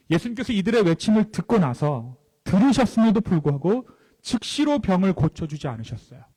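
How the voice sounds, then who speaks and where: A male pastor preaching a sermon, asking the congregation questions and answering them himself, often trailing off into soft low endings. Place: church sanctuary. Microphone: handheld or stand mic. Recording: long church reverb.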